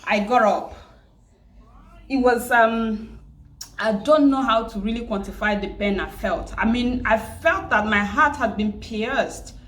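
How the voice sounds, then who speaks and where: A woman's voice: fairly high pitch, fairly bright tone. Grieving Nigerian woman in an echoey room. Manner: halting, repeats words and restarts often. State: grieving, tearful. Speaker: vlogger. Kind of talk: personal storytelling. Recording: roomy echo.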